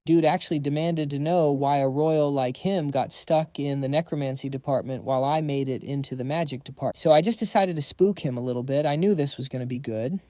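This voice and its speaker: A man's voice: on the high side, fairly quick, hardly any pauses, mellow, dry recording, close to an everyday voice. A man voicing a weary, sarcastic young male student who talks in exasperated, slangy inner monologue.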